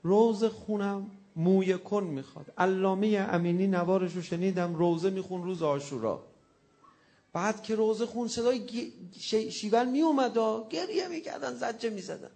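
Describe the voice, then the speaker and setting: Male preacher, high-pitched voice, emotional sermon, hushed to impassioned. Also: gravelly. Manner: swings from hushed, tender storytelling to loud impassioned cries. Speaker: preacher reciting a mourning lament. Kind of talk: religious sermon to a congregation.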